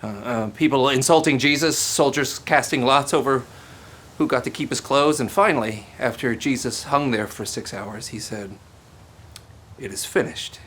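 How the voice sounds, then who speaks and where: An actor playing a flustered, sincere male news reporter on the scene, talking haltingly and conversationally in a comedy sketch. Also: medium pitch, a bit bright, breathy edge. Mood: shaken.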